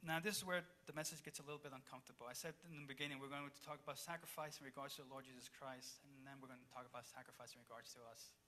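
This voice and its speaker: Pastor, male, from Chile, sermon delivery that shifts between loud and hushed, bright tone. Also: mid-range voice, steady tone, very fast, few pauses, a little hiss or hum. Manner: reads scripture aloud then explains it, swings between loud and hushed.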